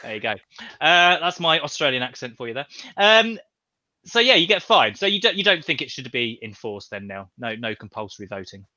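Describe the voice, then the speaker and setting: Bright, lively young male host. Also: on the high side, brisk, no echo, dull audio. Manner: jokey, laughs often, asks panel questions. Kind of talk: casual panel discussion.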